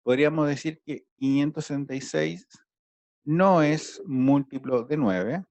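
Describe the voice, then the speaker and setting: A man's voice: mid-range voice, vocal fry, a little mellow, no room sound. A man teaching an online math class, patiently explaining each step to his students over a video call.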